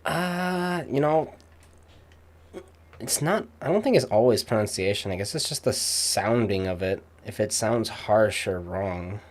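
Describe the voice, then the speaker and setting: Young man, low voice, casual rambling chat, lots of fillers. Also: lively intonation. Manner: rambling, many fillers and pauses. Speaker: streamer.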